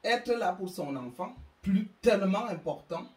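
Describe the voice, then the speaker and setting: A woman's voice: medium pitch, animated, a little slow, a little mellow. A woman from Africa lecturing parents in an emphatic, reproachful way, tripping over and repeating words as she hunts for the right one. She sits well back from the microphone, and her voice rings around an echoey room. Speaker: speaker on parenting. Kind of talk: public talk to parents. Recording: echoey room, distant mic.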